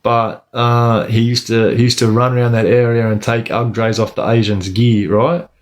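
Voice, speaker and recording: Casting: Australian male livestream host, casual storyteller, heavy eshay street slang, mid-pitched voice. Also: level tone, moderate pace. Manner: Aussie eshay street slang, says lad and bro often.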